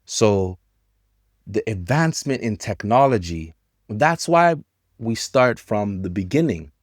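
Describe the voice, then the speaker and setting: Slow-spoken man in his thirties. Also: on the low side, expressive, no echo, studio quality. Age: 30s. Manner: slow, simple phrasing with pauses. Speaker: English teacher. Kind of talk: slow English lesson for learners.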